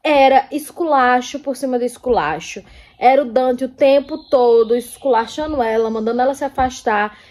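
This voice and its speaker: Young woman vlogger, relaxed book-review chat, a touch high-pitched, lively retellings with scoffing asides. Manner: animated, acts out characters' lines with scoffing asides.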